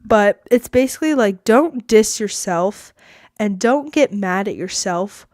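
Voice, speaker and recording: A woman's voice: mid-range voice, animated, unhurried, a little mellow, no room sound, studio quality. A teenage girl hosting her own podcast, rambling in a casual, self-deprecating way, with a lot of "like" in her speech. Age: teens. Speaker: podcast host. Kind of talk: casual solo podcast monologue.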